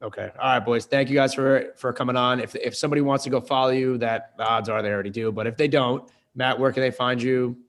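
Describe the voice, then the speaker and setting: A man hosting a casual podcast interview, asking questions quickly with frequent restarts. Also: mid-range voice, fairly even intonation. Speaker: podcast host.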